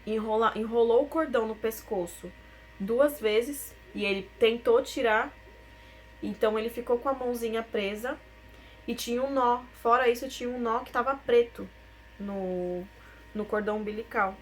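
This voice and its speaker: A woman's voice: a little high, normal speed, slight background noise. A young woman, telling her own story as a personal testimony, emotional and tearful at times.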